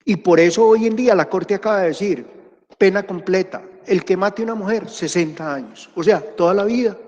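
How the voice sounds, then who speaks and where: Male teacher, high-pitched, chatty and animated, lecture captured with muffled classroom reverb. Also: brisk. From Colombia. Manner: animated, chatty, acts out anecdotes. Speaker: history teacher. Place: classroom, with hybrid remote class.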